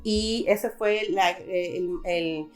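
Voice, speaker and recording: A woman's voice: mid-range voice, takes it slowly, soft background music. A middle-aged woman from Guatemala, a guest in a conversational interview, speaking thoughtfully with frequent hesitations.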